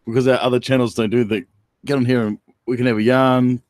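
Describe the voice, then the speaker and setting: A man's voice: medium pitch, flat delivery, quick pace, darkish tone, no room sound, studio quality. A man with a New Zealand accent hosting a casual livestream, teasing and chatting with viewers by name. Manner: laid-back, teasing, chats to viewers by name. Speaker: livestream host.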